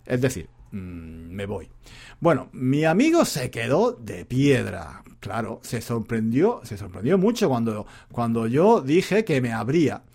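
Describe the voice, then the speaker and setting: A male language teacher talks in a relaxed, meandering way. His pitch rises and falls a lot as he speaks, and he often circles back on his own words. It feels like an informal spoken lesson. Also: measured pace, few pauses. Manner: rambling, chatty, often repeating himself. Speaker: Spanish teacher and podcaster. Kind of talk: casual spoken lesson monologue.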